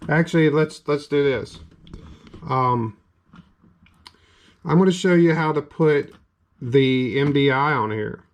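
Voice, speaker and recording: A game hardware reviewer with a Southern US accent narrates a casual screen-recorded tech tutorial step by step, rambling with plenty of ums and restarts. His voice is fairly high, his pace slow, and he pauses often.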